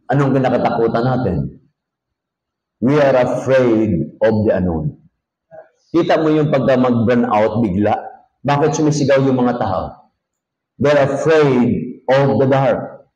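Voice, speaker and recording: A male pastor with a Filipino accent preaching a sermon in an air-conditioned church. He jokes with the congregation, and his voice rises to a near shout when he reads scripture. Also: mid-range voice, lively intonation, slow pace, pauses often, dull audio. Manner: folksy, joking asides to the congregation.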